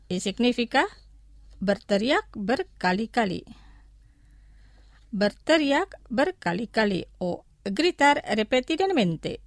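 A woman hosting a scripted language lesson, saying each word twice and then explaining it in a slow, deliberate way. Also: a little high, no echo, studio quality.

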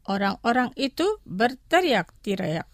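A woman teaching vocabulary in a scripted radio lesson, pronouncing each word slowly and repeating it carefully. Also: on the high side, very animated, noisy background. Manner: slow, careful pronunciation with repetitions. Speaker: language teacher.

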